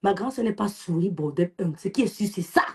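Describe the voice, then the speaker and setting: A woman's voice: mid-range voice, animated, fairly quick, warm tone, slightly rough. A young woman with a Cameroonian French accent, hosting a social media live and scolding and mocking a rival in a taunting rant. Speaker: live-stream host.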